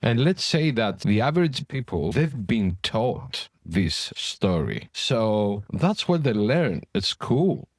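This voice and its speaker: Man, fairly low pitch, dry sound, questioning podcast co-host, hesitant phrasing. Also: sing-song, slow, hardly any pauses, dry recording. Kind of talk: conversational podcast discussion.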